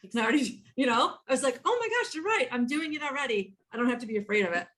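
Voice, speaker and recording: Fast-talking woman in her fifties. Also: high voice. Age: 50s. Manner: animated, quotes herself, frequent restarts. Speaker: guest, author and entrepreneur. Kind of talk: conversational storytelling.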